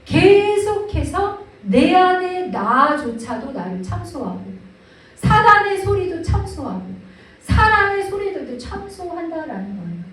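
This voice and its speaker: A woman pastor preaching a sermon with expressive delivery, speaking prayers aloud as she goes. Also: very high-pitched, unhurried. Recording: echoey hall from a distance.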